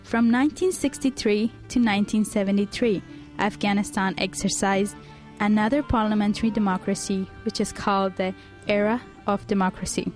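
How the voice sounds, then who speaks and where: A woman giving measured, formal, scripted documentary narration. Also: medium pitch, fairly even intonation, soft background music.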